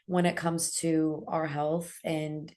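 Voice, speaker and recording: A woman's voice: sits low, flat delivery, takes it slowly, darkish tone. Congested woman hosting a podcast. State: congested, husky from a cold. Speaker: podcast host. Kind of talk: casual podcast interview. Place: unfinished gym office. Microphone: laptop, recorded on a call.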